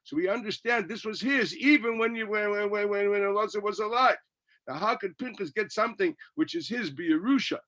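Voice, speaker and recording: A man's voice: high voice, fairly quick, bright, forceful tone. A man gives a Talmud class as a rabbi, reading text and arguing through it with his own questions and answers.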